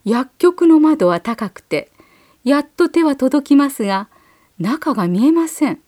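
Woman gently reading a children's story. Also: high voice, sing-song, no room sound, clean studio sound. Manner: gentle, measured read-aloud delivery. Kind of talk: storybook narration.

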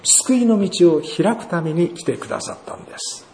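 A pastor preaching a sermon and reading scripture, asking rhetorical questions in a measured way. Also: male voice, high-pitched, big pitch swings, a little mellow, slight background noise. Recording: roomy echo, faint ambience.

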